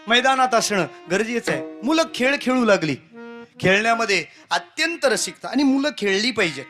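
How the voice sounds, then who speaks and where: Brief: male preacher, lively devotional storyteller, high bright voice, soft music underneath. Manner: lively storyteller, acts out characters. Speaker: kirtan preacher.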